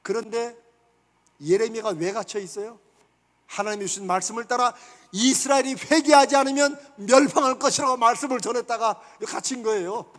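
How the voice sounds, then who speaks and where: A man with a strikingly high voice delivers a sermon in a church sanctuary. He keeps putting questions to his listeners and then answers them himself. Long reverb from the hall trails after each phrase. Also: brisk, a bit bright. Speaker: pastor.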